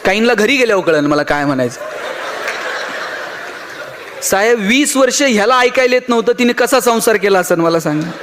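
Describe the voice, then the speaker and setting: A man's voice: high-pitched, lively intonation, fairly quick, pauses often, background noise. A man giving a motivational speech in a Marathi accent, telling humorous stories and acting out the dialogue. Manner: storytelling with acted dialogue and humor. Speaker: motivational speaker.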